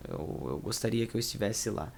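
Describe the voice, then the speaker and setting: Gravelly-voiced Brazilian man teaching casually. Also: lowish voice, animated, normal speed, a little mellow, slight background noise. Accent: Brazilian Portuguese. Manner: rambling, self-correcting, informal slang. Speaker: English teacher. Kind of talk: casual explanatory lesson.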